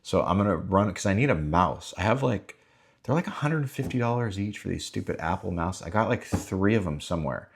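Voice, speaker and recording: A man's voice: sits low, animated, brisk, gravelly, breathy edge. Frustrated man venting in a vlog. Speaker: vlogger documenting his life. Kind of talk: casual self-filmed vlog.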